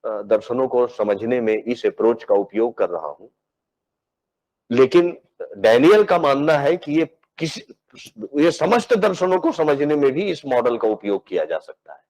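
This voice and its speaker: Man, professor, philosophy lecture, measured explaining, repeats words, english terms mixed in, mid pitch. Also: animated, darkish tone, rough recording. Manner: measured and explanatory, often repeating words while searching for phrasing; mixes English technical terms into his speech. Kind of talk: academic lecture.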